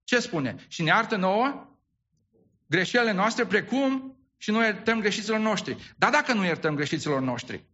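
A man's voice: sits high, animated, bright, forceful tone, lo-fi sound. A man preaching a sermon as pastor, asking the congregation rhetorical questions and often repeating and restarting his words.

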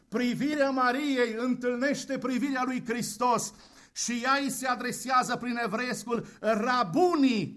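A man preaching an Easter sermon, with a fervent, repetitive cadence and slow, deliberate emphasis on key phrases. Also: very high voice, a bit bright.

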